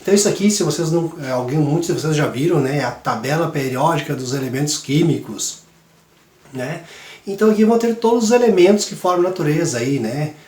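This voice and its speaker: A man teaching a science lesson to young students in a chatty, relaxed way, his voice hoarse from a cold. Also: a little high, fast, roomy sound. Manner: chatty, relaxed, many fillers. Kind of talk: classroom lesson for kids.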